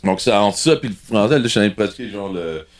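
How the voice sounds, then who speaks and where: A touring band member from Ontario, Canada, appears as a guest, bantering and telling stories in slangy French laced with English, with a Franco-Ontarian accent. His fairly low voice is expressive and quick, and there is a little hiss or hum in the recording.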